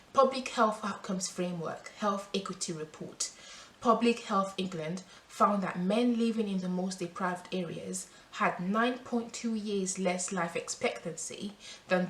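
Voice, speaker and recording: Speaking to camera as a vlogger, this woman from France has a medium-pitched, slightly bright voice. She reads some statistics before moving into free speech, staying earnest and emphatic and restarting herself as she improvises. Faint background noise sits in a roomy-sounding recording.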